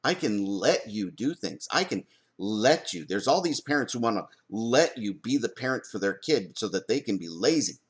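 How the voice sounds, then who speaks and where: A man talking in an opinion vlog as a parent. He argues forcefully, stops to ask pointed rhetorical questions and answers them himself. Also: fairly low pitch, very animated, normal speed. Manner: emphatic, argumentative, fires rhetorical questions. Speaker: parent commenting on school board policy.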